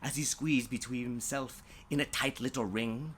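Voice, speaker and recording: This storyteller performs rhyming stories for children that they wrote themselves, drawing words out with playful drama and occasionally dropping almost to a whisper. The voice is medium in pitch and a bit bright with a breathy edge, holding a steady tone at a moderate pace.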